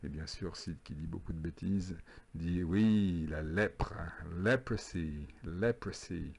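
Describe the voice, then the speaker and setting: A male English teacher, going through a homework correction lesson. His voice is very deep, with a gravelly fry and a husky edge. He patiently repeats phrases slowly.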